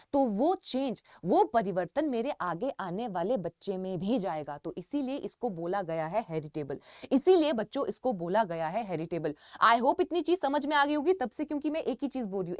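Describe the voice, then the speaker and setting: A woman's voice: mid-range voice, darkish tone, no room sound, studio quality. A young woman with an Indian accent giving an online lecture to students, repeating key points with emphasis and calling them kids. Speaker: teacher.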